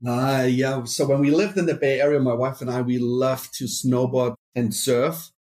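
This middle-aged marketing executive, born in Brazil and raised in Germany, speaks with a German accent as a casual interview guest. His medium-pitched voice is a little mellow, with a flat delivery at a moderate pace. He rambles, with many restarts and fillers.

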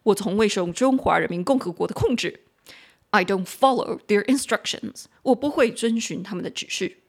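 A woman's voice: mid-range voice, moderate pace. Chatty woman teaching English. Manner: chatty and animated, mixing English phrases into Mandarin and spelling words out. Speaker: podcast host and English teacher. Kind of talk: casual explanatory podcast lesson.

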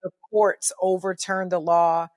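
A middle-aged woman with a deep, bass-heavy voice, a guest telling her story emphatically in an interview. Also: little pitch movement, unhurried, no echo, studio quality. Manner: emphatic, preacher-like delivery with repetition.

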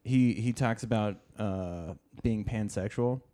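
A man's voice: lowish voice, slow pace, dark tone. A man hosting a casual podcast chat in an echoey room, talking informally and swearing freely. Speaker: podcast host. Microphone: close handheld or stand microphone.

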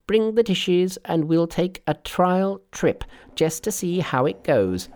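A high, animated monkey trickster from a storybook. He is cocksure and cheeky, briskly ordering and scolding whoever he speaks to. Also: full character voice. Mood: breezy, confident.

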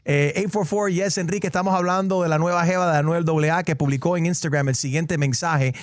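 A man hosting a lively radio call-in show, playful, mixing Spanish and English banter. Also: a little high, fairly quick, no echo, clean studio sound. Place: radio studio.

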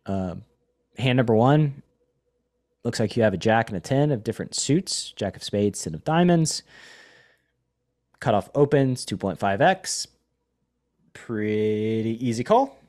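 A man's voice: on the low side, animated, unhurried, long pauses, a little mellow. A man hosting a poker podcast, chatting casually in a rambling, self-deprecating way with repeated words. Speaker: podcast host, poker coach. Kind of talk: casual podcast chat and hand commentary.

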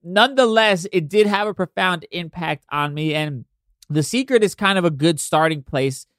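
A man's voice: sits high, normal speed, fairly bright tone, dry recording, clean studio sound. A man with a nasal, congested voice hosts a podcast, talking casually with swearing and conversational asides. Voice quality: nasal, stuffed-up. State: congested from allergies. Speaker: podcast host.

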